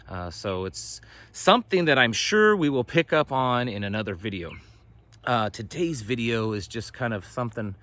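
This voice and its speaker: With a fairly low pitch and a sharp tone, a middle-aged American host of a homesteading and prepping channel speaks casually to camera outside on his homestead, ducks close at hand. His folksy talk meanders and breaks off mid-thought.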